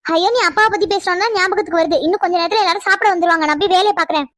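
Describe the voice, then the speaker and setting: A woman voicing a busy, kindly middle-aged village aunt in a cartoon, brisk and teasing. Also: very high voice, a bit bright, no echo, studio quality. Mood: motherly. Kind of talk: cartoon voice acting.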